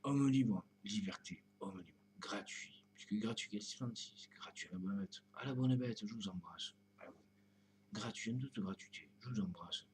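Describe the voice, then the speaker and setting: A man's voice: on the low side, normal speed, a little hiss or hum. A man talking straight to his own videos in a rambling spiritual monologue, full of repeated fillers, often sinking to a whisper. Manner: drifting, repeats "tu vois", often drops to a whisper. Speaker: video blogger.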